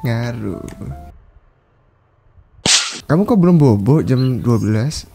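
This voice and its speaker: Chatting from his poster-lined little bedroom over a webcam video call, a twenty-something video chat host from Yogyakarta, Indonesia, teases strangers and laughs a lot. He speaks slowly at medium pitch with lively intonation, vocal fry and a warm tone, as soft music plays in the background.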